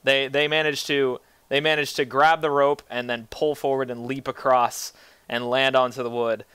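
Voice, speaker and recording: A man's voice: mid-range voice, flat delivery, normal speed, fairly bright tone, clear, resonant tone, no room sound. A man casually narrating a tabletop game as game master, with a wry, teasing manner.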